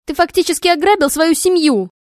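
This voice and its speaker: A furious young wife hurls shrill, scolding accusations at her husband in a loud, high voice, as a woman reads her part. The sound is close and dry with no room around it. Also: lively intonation, brisk, dry recording. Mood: furious yelling.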